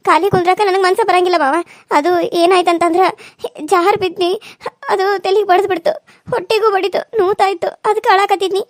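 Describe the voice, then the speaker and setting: A woman's voice: very high-pitched, fairly even intonation, brisk, dry recording, studio quality. A woman voicing a meek young daughter-in-law in a cartoon serial, pleading and tearful.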